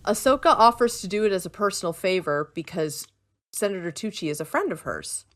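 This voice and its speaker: A woman co-host talks through an episode recap in a loose, chatty way. Her pitch swoops up and down freely as she gets excited, and she breaks into giggles and dry sarcastic asides. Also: brisk. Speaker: podcast co-host.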